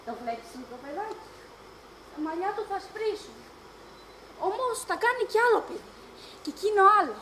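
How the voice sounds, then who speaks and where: A woman's voice: extremely high pitch, fairly bright tone, a little hiss or hum. A woman on stage playing a mad old grandmother who longs for babies, rambling in a singsong and giggling, recorded live and echoey. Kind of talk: amateur stage acting.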